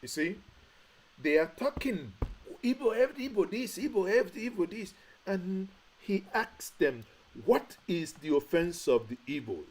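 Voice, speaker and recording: This online commentary host from Nigeria strains through a passionate live stream, repeating rhetorical questions and mentioning that he's shouting and his head aches. He speaks a little slowly in a high, sing-song voice, and the low-quality recording carries some hiss or hum.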